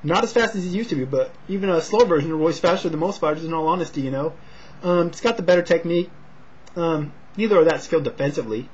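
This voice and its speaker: In a casual talk to camera, an amateur boxing commentator and vlogger from Sacramento, California previews a fight and makes a prediction, sounding low-key, hesitant, not loud and slightly short of breath. He talks at a quick pace in a husky voice, and the home recording is dull and lo-fi.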